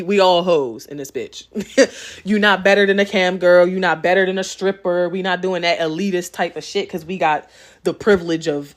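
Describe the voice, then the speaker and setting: Blunt, profane Baltimore woman vlogger. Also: on the low side. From Baltimore, West Side. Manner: blunt, profane and streetwise, with frequent laughter; chatty, loops back with "okay?" and "you know what I'm saying". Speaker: host answering viewer questions. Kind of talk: casual Q&A vlog.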